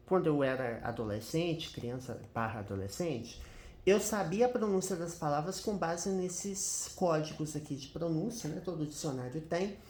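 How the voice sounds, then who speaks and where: A man's voice: a little high, darkish tone. A man with a Brazilian Portuguese accent teaching an English grammar lesson on screen, chatty and checking in with his viewers all the time. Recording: roomy echo.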